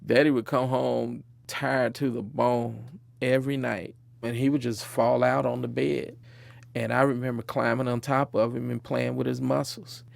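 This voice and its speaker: A man's voice: medium pitch, level tone, normal speed, creaky. A man being interviewed, recalling his childhood in a reflective way and chuckling now and then. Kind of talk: personal storytelling interview.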